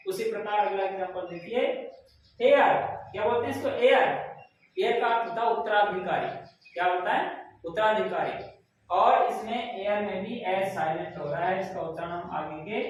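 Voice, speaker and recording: A man explains grammar in a lesson, keeps asking "what comes next?" and giving the answer himself. His voice is fairly high. He is recorded from some distance in a room with strong echo. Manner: repeats questions to students and answers them. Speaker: English teacher. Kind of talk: Hindi-language grammar lesson. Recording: very echoey room, far from mic.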